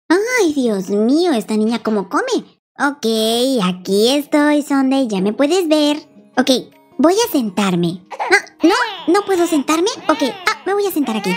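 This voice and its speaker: A young woman narrating a mobile game playfully, talking in animated sing-song to babies. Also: high voice, husky. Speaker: game video creator. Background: faint children's music.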